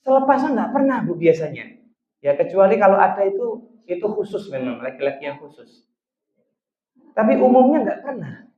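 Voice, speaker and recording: High-voiced man lecturing couples, echoey room. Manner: chatty, addresses audience directly as sirs and ladies. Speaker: psychologist giving a marriage talk. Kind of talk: religious study talk to couples. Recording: echoey room, dull lo-fi sound.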